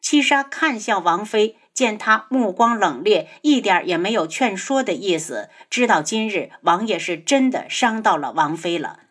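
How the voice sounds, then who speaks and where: A woman reads a novel aloud as an audiobook narrator. Her pitch swings lively and expressively, and her delivery is dramatic and scripted. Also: moderate pace, few pauses, slightly rough. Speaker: audiobook reader.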